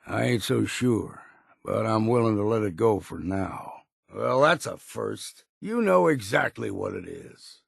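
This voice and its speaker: A grizzled old seafarer from a video game, with a heavily creaking, rasping, lowish voice. He is plain-spoken and curmudgeonly, worn down by years yet loyal underneath. The sound is dry and close, with no room around it. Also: animated, measured pace, no echo, full character voice. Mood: gruff, guarded. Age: older. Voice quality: gravelly, raspy. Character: gruff, stubborn old seafarer, weary but loyal. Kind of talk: video game character dialogue.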